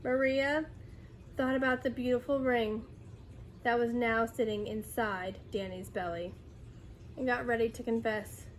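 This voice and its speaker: High-voiced woman reading a story slowly. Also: steady tone, slight background noise. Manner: dramatic, acts out dialogue. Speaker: storyteller reading a children's book aloud. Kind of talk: expressive scripted read-aloud for children.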